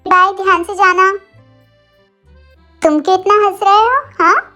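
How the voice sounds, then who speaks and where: A woman playing a bossy, theatrical mother, very high voice. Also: a little slow, over loud music. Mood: scolding. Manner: scolding, theatrical. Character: dramatic middle-aged mother and grandmother, bossy and emotional.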